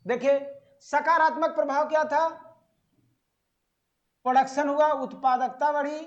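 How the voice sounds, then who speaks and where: A man teaching an exam-prep lesson on agriculture, asking the class questions and answering them himself, stretching out key words slowly. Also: very high voice, fairly even intonation. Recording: dull lo-fi audio.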